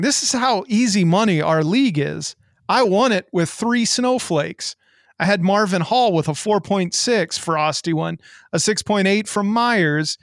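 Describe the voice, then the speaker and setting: A man with a fairly high voice hosts a fantasy sports show. He talks in brash, boastful showman patter and banters freely. The sound is dry, with hardly any room in it. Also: fairly bright tone, no room sound. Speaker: podcast host.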